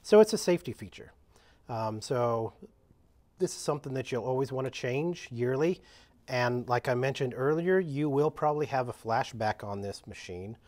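A man's voice: medium pitch, expressive, moderate pace, darkish tone. A man giving an unscripted how-to demonstration of equipment maintenance in a workshop, talking plainly with many fillers and restarts. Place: indoor workshop with benches.

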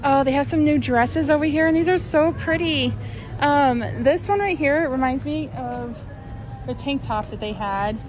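A woman's voice: high voice, normal speed, music in the background. A woman vlogging casually while shopping in a large clothing store, upbeat and chatty with lots of fillers. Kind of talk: casual shop-with-me narration.

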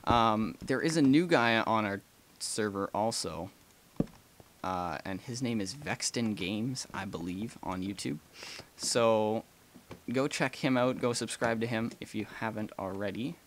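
A young man who hosts a gaming channel rambles and chats through a let's play, with frequent ums, gasps and small laughs while he plays. His voice is fairly low and his pace measured. There is slight background noise.

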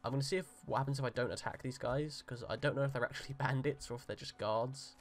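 A young man giving jokey, excitable let's play commentary, pleading with and yelling at the game. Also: medium pitch, fast. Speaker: gamer.

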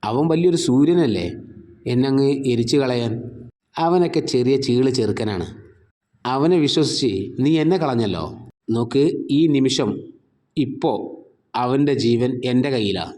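A man's voice: medium pitch, moderate pace, pauses often, warm tone, natural voice. A man voicing a cruel, mocking male villain in a retold serial story, threatening and sneering.

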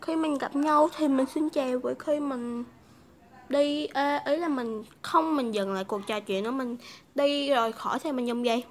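A woman's voice: sits high, measured pace. A woman from Vietnam hosting a casual English lesson, chatty and repeating phrases for learners. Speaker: English teacher, video host.

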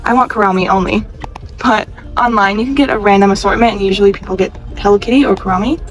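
A woman in her twenties talking casually and excitedly to a phone camera while shopping in stores. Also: mid-range voice, fast, faint music behind. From California. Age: 20s. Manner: gushing, excitable, chatty. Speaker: vlogger. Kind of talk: casual shopping vlog narration. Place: in stores with background music, holding a phone.

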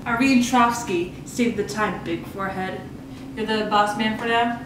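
A woman's voice: mid-range voice, measured pace, lightly acted. An actress playing a ruthless female assistant editor who bosses people around and insults them crudely. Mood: scornful. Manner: mocking, bossy, crude insults. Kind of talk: student short-film acting. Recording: echoey room, mic far off, noisy.

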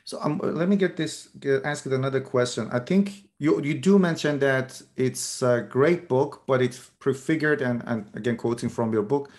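A male interviewer asks long questions in a hesitant, halting way. He pauses and restarts often while he builds toward the point. His pitch is ordinary and middle. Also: darkish tone. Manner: hesitant, many fillers and restarts.

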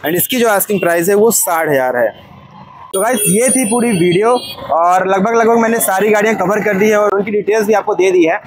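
A young man with a bright, high-pitched voice walks an open-air used car lot. He talks in a chatty, casual way and keeps calling the viewer brother. He sounds like he is filming on a handheld phone. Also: fairly quick. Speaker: vlogger touring a used car market. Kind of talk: casual walkaround commentary.

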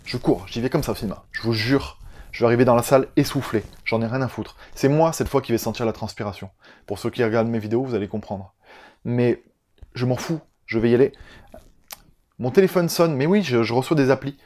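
A man with a southern French accent chats loosely to his viewers at a mid-range pitch. He is sarcastic and easily sidetracked, jumping between jokes and asides. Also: fairly quick, a little mellow, slight background noise. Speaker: film YouTuber. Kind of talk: casual video chat.

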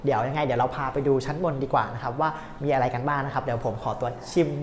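A man's voice: mid-range voice, steady tone, rapid-fire. A young man with an upbeat, polite tour-guide manner walks through a cafe, chatting casually to the camera. His voice sits close on a clip-on lapel mic, with a faint hum of background noise. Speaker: host. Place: indoor cafe in an old shophouse.

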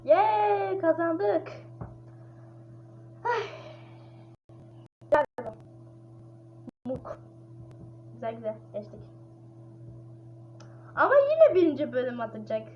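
A woman's voice: very high voice, sing-song, slow, pauses often. A woman playing a horror game with casual, panicky commentary, exclaiming and chattering as she plays. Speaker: gamer. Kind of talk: casual let's-play commentary. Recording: dull lo-fi mic with clear hiss.

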